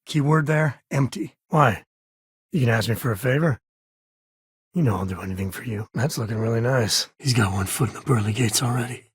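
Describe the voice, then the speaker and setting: Sam Coe, a video game companion character, is a husky, easygoing space cowboy: a warm-hearted frontier spacefarer and devoted father. His mid-range male voice runs a little fast in folksy, conversational, wry dialogue, recorded dry in a clean studio.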